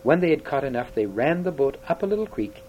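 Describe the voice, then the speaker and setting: A man reading a children's novel aloud in steady, unhurried storytelling, with small slips and restarts. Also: a little high, highs cut off, slight background noise. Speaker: audiobook reader.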